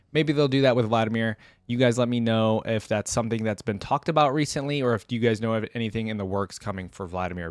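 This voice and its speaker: A man with a lowish voice hosts a fan reaction channel, offering casual commentary in a reaction video. He rambles informally and thinks aloud while addressing his viewers. The recording is clean studio audio with no echo.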